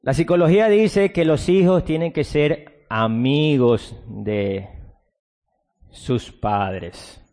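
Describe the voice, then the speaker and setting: A male pastor preaches in a church, moving between a low, hushed delivery and sudden loud outbursts with drawn-out emphasis. At times he mocks soft-spoken replies, and the sound carries the space of a large hall.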